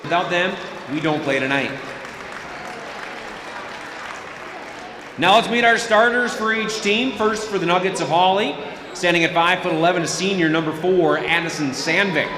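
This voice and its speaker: A man's voice: sits high, a little fast. A man working as a public address announcer, calling starting lineups like a stadium announcer, echoing through a gym. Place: indoor basketball gym over PA. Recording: echoing gym PA, loud crowd noise.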